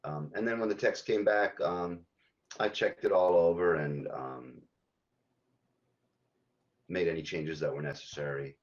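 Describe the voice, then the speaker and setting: A man, a game localization director, answering podcast interview questions haltingly, with many ums and restarts. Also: sits low, highs cut off.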